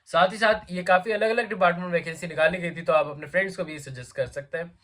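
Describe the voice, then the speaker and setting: Talking fast in a high-pitched, slightly bright voice, a man hosts a job vacancy video in casual Hindi mixed with English. His chatty address to viewers is full of repetitive fillers, and a sore throat brings an occasional cough.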